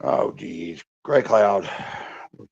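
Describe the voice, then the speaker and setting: A man's voice: big pitch swings, extremely slow, creaky, husky. Rambling man on a lo-fi stream. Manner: rambling, talks to his dog in a high coaxing voice. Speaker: livestream host. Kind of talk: casual livestream chat. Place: indoors, lying in bed at home. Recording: dull lo-fi livestream audio.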